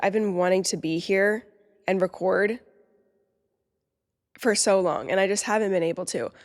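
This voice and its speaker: A woman in her twenties hosts her own podcast, chatting in an upbeat, casual way with lots of "like" fillers. Her mid-range voice sounds nasal and congested with a slightly sore throat, and the recording has a big-room sound.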